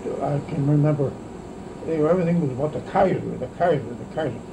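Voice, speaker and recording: This is a casual oral-history recollection from an American grandfather in his nineties or older, remembering childhood during the war. His aged, creaky voice runs fairly high, and he wanders haltingly, tacking "see" onto his thoughts while a constant insect-like drone fills the noisy background.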